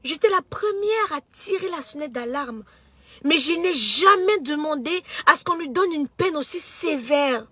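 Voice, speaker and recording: A woman with a Cameroonian French accent, a social media entrepreneur, speaks straight to camera in an emotional monologue for her followers, often stumbling over repeated words. Her voice sits high and sounds bright and forceful, with lively intonation at a measured pace and no room sound.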